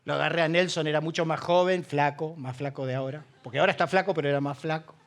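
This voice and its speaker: Quick-paced and fairly high-pitched, this man keeps his intonation fairly even. He's a middle-aged pastor from Argentina with a Rioplatense accent, delivering a funny, story-rich sermon and questioning the congregation.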